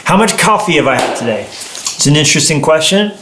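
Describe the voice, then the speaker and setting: A man's voice: a little high, animated, brisk, sharp tone, a little hiss or hum. A man chatting casually as co-host of a livestream, telling stories in a playful, rambling way. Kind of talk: casual livestream chat with partner. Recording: roomy, echoing indoor sound.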